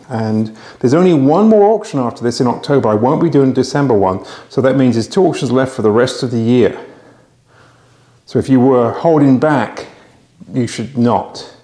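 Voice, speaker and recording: Middle-aged man, auction host, casual talk to camera, dark mellow timbre, echoey room. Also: mid-range voice. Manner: chatty, hesitant with restarts and fillers. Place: home bar room with posters, indoors. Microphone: lapel mic.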